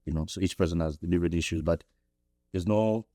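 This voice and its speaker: A young Zambian man, appearing as a podcast guest, reflects thoughtfully in an interview, often restarting his sentences and rising in pitch when he gets animated. The recording is brisk and dry, studio quality, captured on a studio podcast mic.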